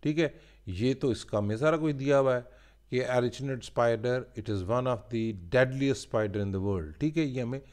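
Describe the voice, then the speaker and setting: A male teacher with a Pakistani accent walking students through a workbook, explaining in Hindi-Urdu and reading English lines slowly word by word. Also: mid-range voice, darkish tone. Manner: repeats filler "theek hai ji" often. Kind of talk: workbook lesson walkthrough.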